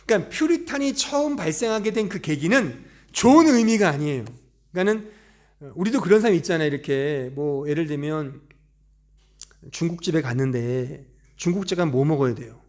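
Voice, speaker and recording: A man's voice: sits high, a little mellow. A male pastor giving a seminar-style sermon in church, chatting with the congregation, asking them questions and acting out quoted voices. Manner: conversational, asks the congregation questions; acts out quoted voices in dialogue.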